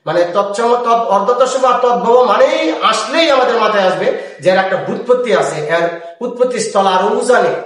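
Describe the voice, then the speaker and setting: A man teaching a grammar lesson, lively and lecturing, chanting word lists slowly. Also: extremely high pitch. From Bangladesh. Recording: echoey room, mic far off.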